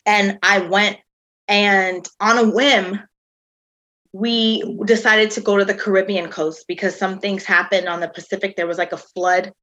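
A woman's voice: medium pitch, fairly even intonation, a little slow, pushed and bright. Chatty woman telling her story. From United States. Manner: chatty, uses lots of "um" and "like". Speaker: guest, tour company founder. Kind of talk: casual interview storytelling.

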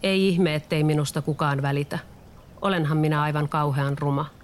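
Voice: mid-range voice, steady tone, a little hiss or hum, natural voice. A storyteller voicing a sad, lonely ugly duckling in a children's storybook, crying out in despair.

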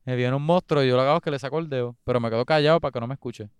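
A man chatting casually about a film, relaxed, laughing often and losing track of scenes. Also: mid-range voice, racing, clean tone, no room sound. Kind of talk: casual chat reviewing a film.

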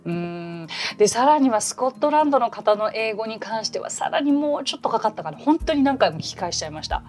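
A woman who teaches English, talking in a chatty, animated way as she hosts a casual podcast lesson, with quick asides. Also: a little high, faint music behind.

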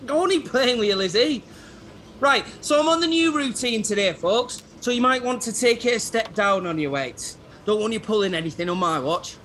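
An actor playing an upbeat, cheesy personal trainer leading a class in a sitcom. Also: male voice, high voice, moderate pace, fairly bright tone, slight background noise. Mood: chirpy. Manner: chirpy, cheesy coach patter. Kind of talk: sitcom acting.

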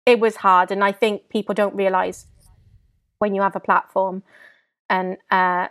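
A woman, talking candidly as an interview guest, halting and full of restarts, tearful at times. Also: mid-range voice, little pitch movement, a bit bright, dry recording.

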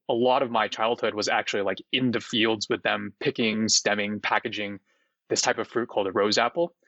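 A man of about thirty, a startup founder, talks in a relaxed, rambling way full of fillers, often laughing as a guest in an interview. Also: lowish voice, no echo, muffled recording. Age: 30s. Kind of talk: casual interview chat.

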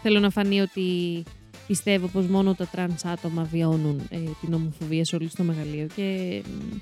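A woman's voice: on the low side, steady tone, darkish tone, soft background music. A young woman co-hosting a casual podcast, telling a rambling story with restarts, self-corrections and frequent laughter. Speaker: podcast co-host.

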